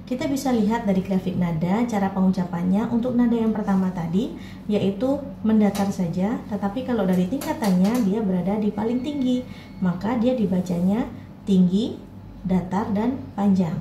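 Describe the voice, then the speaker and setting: A woman teaches a language lesson in a mellow, warm voice, patiently modeling sounds slowly and clearly. Her voice rings in an echoey room with a faint hiss behind it. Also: mid-range voice. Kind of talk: instructional lesson for learners.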